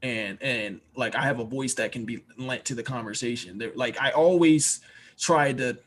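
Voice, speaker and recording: A young rapper and producer from Washington, D.C., USA, speaks reflectively as a guest in a podcast interview. His voice is medium pitched at a normal speed, and he often restarts and repeats words.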